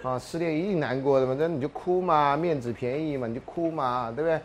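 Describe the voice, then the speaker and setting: A man's voice: fairly high pitch, a little fast, slight background noise. A man lecturing a university class, telling jokes and anecdotes and often laughing mid-sentence.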